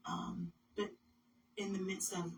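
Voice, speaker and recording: An earnest woman musician reflecting in a radio interview, her phrases often fading to a near whisper. Her voice sits slightly low. The mic is distant and background noise is clear. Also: flat delivery, slow pace. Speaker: musician guest. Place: radio studio.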